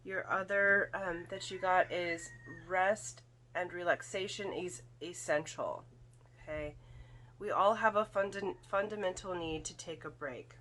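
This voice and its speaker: A woman with a fairly low, bright voice gives an unscripted spiritual card reading. Her throat sounds slightly foggy and congested. She talks in a halting, thoughtful way, often checking in with the listener, over faint background noise. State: throat irritated by volcanic fog, occasional coughing and throat clearing. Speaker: tarot and oracle card reader.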